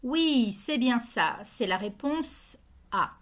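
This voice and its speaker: A woman hosts a grammar quiz in a scripted narration voice. Her voice sits a little high, and she reads every question and answer option slowly and evenly. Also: a little hiss or hum. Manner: slow, even reading of questions and answer options. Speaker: quiz host.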